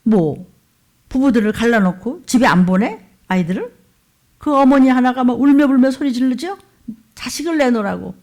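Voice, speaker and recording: A woman pastor preaching a fiery sermon, scolding her listeners with sharp rhetorical questions. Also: high-pitched, expressive, normal speed.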